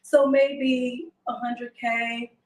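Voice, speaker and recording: Soft-spoken woman, echoey and far off. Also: a little high, level tone, very slow. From Haiti. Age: 20s. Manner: soft-spoken, hesitant with many fillers. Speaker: show guest seeking a partner. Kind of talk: casual call-in chat.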